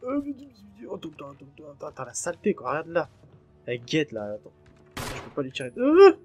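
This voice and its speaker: A man talks his way through a horror game, chatting to viewers and letting curses fly whenever something jumps out. His voice sits at an ordinary middle pitch, with quiet game music running underneath. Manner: chatty and jumpy, swears freely when startled. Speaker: gaming channel host. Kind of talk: let's play commentary.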